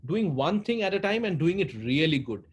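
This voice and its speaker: A man's voice: a little high, very animated, moderate pace. A man with an Indian accent giving long, earnest explanations as an interview guest, often repeating phrases for emphasis. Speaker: interview guest, head of a social foundation. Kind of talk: interview talk, explaining at length. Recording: clearly noisy background.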